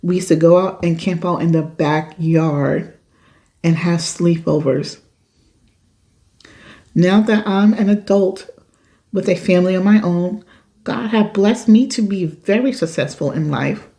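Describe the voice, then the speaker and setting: A woman's voice: on the low side, a little slow, long pauses, warm tone. A woman podcast host reading a listener's letter aloud and reacting to it in an emphatic, outspoken way. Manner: emphatic, outspoken, swears when upset.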